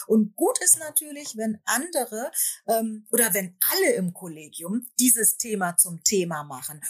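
A woman's voice: on the high side, breathy edge. A middle-aged woman, a school principal and author, talking reflectively in an interview with frequent hesitations. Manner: reflective, hesitant with many fillers. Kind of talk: conversational interview.

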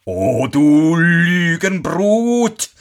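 A storyteller playing a quick-tempered old tailor father who scolds gruffly. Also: medium pitch, very animated, voice pushed up, heavily acted. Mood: scolding.

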